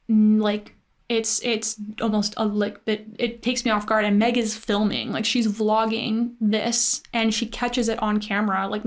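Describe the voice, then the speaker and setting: A young woman casually telling a story, chatty and full of "like" fillers, animated in her retelling. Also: mid-range voice.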